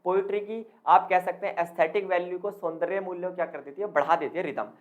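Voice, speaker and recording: A man's voice: high-pitched, steady tone, fast, dull audio. Man lecturing with constant rhetorical questions. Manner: keeps asking the listener questions and answering them; addresses the viewers as friends. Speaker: exam-prep tutor. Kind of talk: explanatory lecture.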